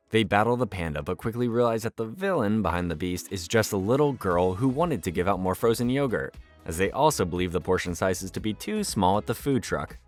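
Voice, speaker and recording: A man narrates a scripted story recap in a fairly low voice. He is a storyteller who slips in wry asides, and music plays softly behind him.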